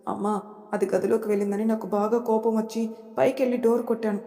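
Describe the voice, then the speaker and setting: A woman's voice: on the high side, flat delivery, fast, warm tone, long reverb tail, soft background music, natural voice. A woman voicing a spoiled, jealous young woman who whines and complains. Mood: complaining. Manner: whining, complaining.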